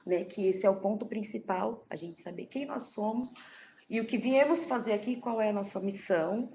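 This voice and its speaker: A woman's voice: mid-range voice, moderate pace, dark tone, slight background noise. A woman in an interview, talking earnestly and emphatically about faith and her dreams. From Brazil. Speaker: podcast guest. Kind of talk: casual interview chat.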